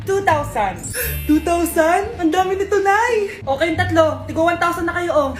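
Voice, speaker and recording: A woman acting out a mother and her children in a comedy skit, lively and bantering. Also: very high voice, normal speed, echoey room, over music.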